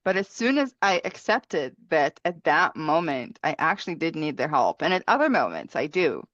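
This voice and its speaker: A woman hosting a podcast in casual chat, who laughs often and grows animated when she retells stories. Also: low voice, normal speed, no room sound, dull audio. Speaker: podcast host.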